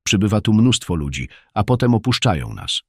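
A man's voice: big pitch swings, brisk, vocal fry, husky, dry recording, clean studio sound, exaggerated voice. A man voicing a friendly, talkative male fruit seller at a market who sometimes drops to a whisper. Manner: warm, chatty, sometimes lowers to a whisper.

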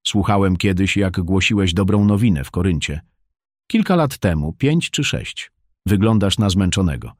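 A man's voice: lively intonation, normal speed, no echo, studio quality. A man doing a friendly, chatty market fruit seller. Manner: warm, chatty, sometimes lowers to a whisper.

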